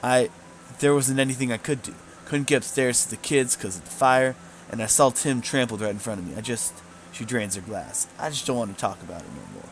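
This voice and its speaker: A bitter, grieving woman rancher speaks bluntly in rough rural grammar, read by a man in his ordinary voice. Her middle-pitched lines come from a video game. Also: fairly quick, faint music behind, lightly acted.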